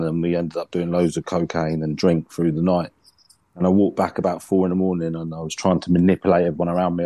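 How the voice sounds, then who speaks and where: Low-voiced candid man telling his story. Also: mellow, no echo. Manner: candid, self-deprecating storyteller. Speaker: guest. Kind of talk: casual storytelling.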